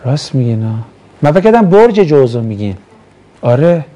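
A man's voice: fairly high pitch, sing-song, mellow, highs cut off. A man from Mashhad teaching a classroom lesson on Quran verses, chatty and joking, often asking his students questions. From Mashhad, Iran. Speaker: religious studies teacher.

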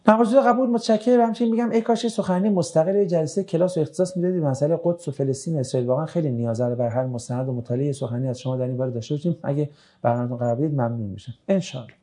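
A man teaching religion, reading out audience questions and answering them in a brisk, conversational way with dry joking asides. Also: a little high, mellow.

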